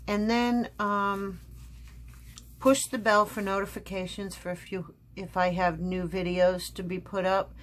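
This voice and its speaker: Slow-talking American craft vlogger woman. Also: medium pitch. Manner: rambling, frequent ums and restarts; frustrated, complaining. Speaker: craft channel host. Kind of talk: casual craft vlog.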